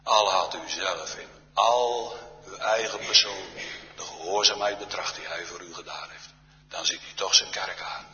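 Low-voiced male preacher with a hard, forceful edge, solemn and given to hushed passages, in a roomy echoing church. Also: fairly even intonation, moderate pace. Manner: solemn, often drops to a near-whisper. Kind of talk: Reformed church sermon. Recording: reverberant church hall, dull sound.

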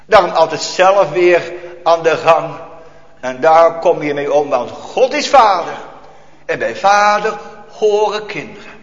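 A man's voice: a little high, lively intonation, unhurried. Fervent male preacher in an echoing church. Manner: fervent preaching, swings between loud and hushed. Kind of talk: sermon. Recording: echoey church hall, dull lo-fi.

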